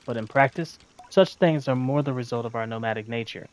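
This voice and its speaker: A man reading a story game aloud in measured, thoughtful narration with occasional commentary. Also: medium pitch. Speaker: gaming video narrator.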